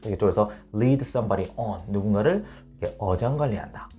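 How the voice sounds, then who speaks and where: A man teaching English online, his pitch rising and falling a great deal as he talks. He reads each English example slowly and then explains it patiently. Faint music plays behind him. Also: animated, dark tone.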